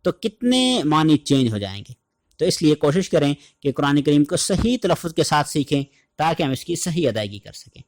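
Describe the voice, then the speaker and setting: In an online lesson, a man from Pakistan teaches Quran recitation, first explaining the sounds of letters and then chanting verses slowly and drawn-out. His voice is a little high and very animated.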